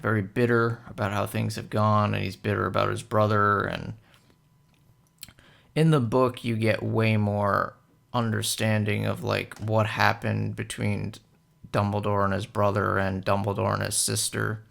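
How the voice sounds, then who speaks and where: A young man talks through a film in a relaxed, rambling way and fills every gap with hesitations. His low voice has a heavy gravelly fry. He sounds like someone making a casual commentary video. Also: measured pace. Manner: rambling, many fillers and hesitations. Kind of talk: casual film analysis monologue.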